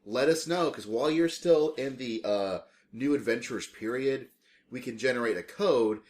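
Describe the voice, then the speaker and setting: A man's voice: medium pitch, moderate pace, a little mellow. A man in the middle of his register chats as podcast co-host, drifting through fillers and restarts in an easy, rambling way. He sounds casual and unscripted. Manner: chatty, loose, with filler restarts. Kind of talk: casual chat.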